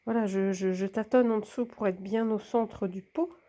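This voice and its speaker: A medium-pitched, steady and dark-toned voice at a normal speed belongs to a woman who vlogs about plants. Filming as she handles a hanging plant, she narrates casually and often whispers, her voice a bit congested from a mild cold.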